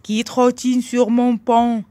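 A woman voicing a hungry, gruff one-eyed monster under a bridge in a storybook, roaring loudly. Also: a little high, level tone, takes it slowly, no room sound.

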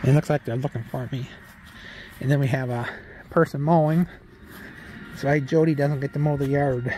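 A man's voice: medium pitch, steady tone, normal speed, background noise. A middle-aged man casually narrating a walk through an outdoor haunted farm at night, reading the signs aloud with dry jokes, into a handheld phone. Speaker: vlog host.

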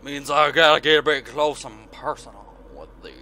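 At a moderate pace, his high-leaning voice comes across bright and forceful, with slight background noise. The let's-play stays casual and profane as he plays a horror game to game music, jumpy and scared, sarcastic and full of exclamations.

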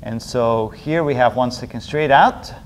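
Speaking at a measured pace with a medium-pitched voice, a middle-aged man works through a chemistry lesson at the whiteboard, step by step, frequently repeating himself. The recording, made in an indoor room with a whiteboard, carries a slight hiss or hum.

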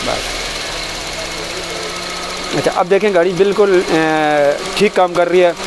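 A man with a Pakistani Urdu accent, working on an open car engine outdoors and earnestly explaining the repair step by step as a mechanic host. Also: on the high side. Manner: earnest, advising, points things out as he works. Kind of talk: hands-on repair tutorial. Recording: noisy outdoor engine bay. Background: engine running, street ambience.

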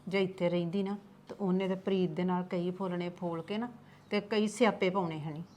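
A woman's voice: on the low side, steady tone, moderate pace, warm tone, slight background noise, natural voice. An actress playing a caring village mother with a Punjabi accent, reassuring her son in a family drama. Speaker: mother of the farmer.

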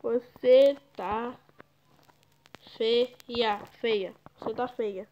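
High, slow-talking girl gamer. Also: steady tone, lo-fi sound, noisy background. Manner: chatty, teasing, exclaims often. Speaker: gaming YouTuber. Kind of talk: casual gameplay commentary.

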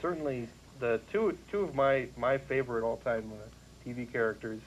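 A man co-hosting a casual chat about old sitcoms, rambling and halting with fillers and restarts. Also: medium pitch. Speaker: co-host. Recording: dull lo-fi 1990s cable recording with faint hiss.

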